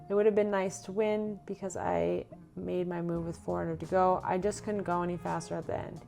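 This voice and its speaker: Recapping her racing season in a casual vlog, a young woman from Canada reads aloud from her race notes. Her voice is on the low side, gravelly and darkish.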